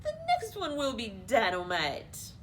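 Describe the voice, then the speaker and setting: A woman's voice: fairly high pitch, wildly swooping pitch, measured pace, a little hiss or hum. A woman voicing a cool, laid-back male cartoon cat with an upbeat, sing-song manner.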